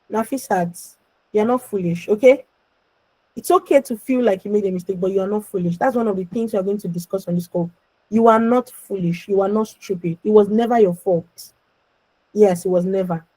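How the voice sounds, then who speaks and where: A young adult woman hosting an online emotional healing session, reassuring attendees, calling them by name and pleading with them gently. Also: mid-range voice, no echo, rough recording. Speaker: conference host and emotional healing coach. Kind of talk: live online coaching session. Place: online video call.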